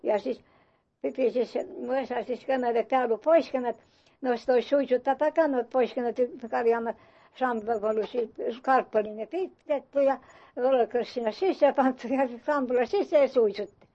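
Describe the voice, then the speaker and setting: An older woman reminiscing in dialect, halting and rambling with many restarts, and putting on voices for the people in her story. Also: a little high, warm tone, muffled recording. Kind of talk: oral-history reminiscence in dialect.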